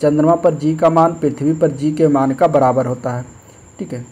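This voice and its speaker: A man's voice: fairly high pitch, normal speed, husky. A man teaching as an exam-prep tutor, working through practice questions step by step and often checking in with "okay". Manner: steady explanatory, repeats "ठीक है", frequent fillers. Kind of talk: explaining practice test questions.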